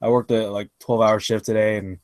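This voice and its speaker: A man's voice: on the low side, flat delivery, brisk, darkish tone, no echo. A man co-hosting a casual podcast chat, tired after a long work shift, rambling with lots of fillers and restarts. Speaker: podcast co-host.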